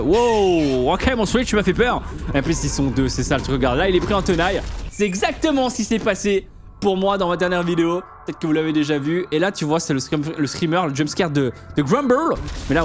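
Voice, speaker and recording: A man giving casual commentary on a game, explaining things to the viewer in informal, slangy language. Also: high-pitched. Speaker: gaming video host.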